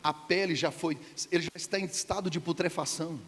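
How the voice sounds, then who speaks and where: Joking and asking the congregation questions, a man gives a playful, humorous sermon in a church hall. His slightly high, a-bit-bright voice has fairly even intonation and moves a little fast. There is church hall reverb with faint noise behind it.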